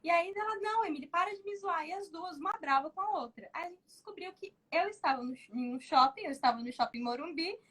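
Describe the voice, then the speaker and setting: A woman, a journalist guest telling stories in casual chat, animated and laughing often. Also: sits high, fast talker, few pauses, poor audio. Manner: animated, acts out quoted voices, laughs often.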